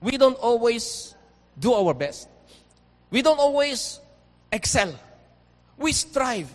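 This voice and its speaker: A man with a Filipino accent preaching a sermon, telling a story dramatically and swinging from loud to hushed. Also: extremely high pitch, sing-song, takes it slowly, big-room sound.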